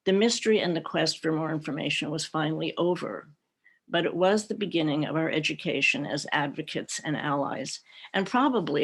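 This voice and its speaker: A woman's voice: deep voice, gravelly, slightly rough. Middle-aged woman, panelist on a video call, reflective storyteller with easy light laughter. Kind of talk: personal talk at an online panel.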